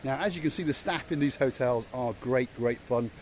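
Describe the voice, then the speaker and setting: A man's voice: medium pitch, normal speed, a little mellow, a little hiss or hum. Older man, vlogger, walking tour of a hotel, enthusiastic, repeats praise words, handheld camera. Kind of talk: casual walk-around commentary. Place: outdoors and indoors in a hotel, walking.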